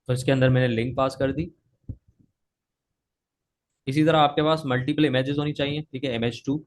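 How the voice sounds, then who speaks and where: A coding instructor from Pakistan teaches live over a video call, talking while he types and checking in often with "theek hai." A sore throat makes him cough. His medium-pitched voice stays steady at a measured pace with long pauses, over a little hiss or hum.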